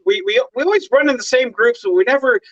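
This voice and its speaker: A man's voice: very high voice, quick pace, no room sound. A man hosting a casual interview, rambling and repeating himself with lots of you-knows. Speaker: interview host. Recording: dry, dull lo-fi mic.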